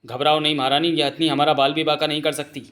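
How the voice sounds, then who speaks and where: A man's voice: on the high side, flat delivery, quick pace, fairly bright tone, a little hiss or hum, lightly acted. A man playing a pompous cowardly king. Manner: pompous, blustering. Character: fat cowardly boastful middle-aged king. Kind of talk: Hindi comic dub.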